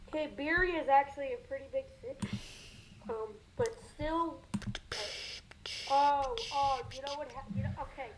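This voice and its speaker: A woman with a very high voice rambles through a casual live weather chat, piling up fillers. A faint hiss sits under her voice. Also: fairly even intonation, normal speed. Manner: rambling, chatty, many fillers. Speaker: co-host of storm livestream.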